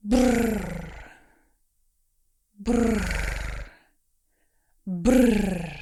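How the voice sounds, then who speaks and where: Slow, lively woman teaching rolled Rs. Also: mid-range voice. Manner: demonstrates exaggerated rolled R sounds; encouraging, reassuring. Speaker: language teacher. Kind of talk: pronunciation lesson with pauses to repeat.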